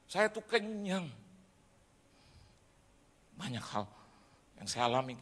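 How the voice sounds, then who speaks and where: A male pastor preaching in a large church, telling his story with animation and bursts of shouting. His voice is high and bright, with a gravelly grain. The sound carries the long reverb of the hall. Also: very animated, slow. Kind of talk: sermon.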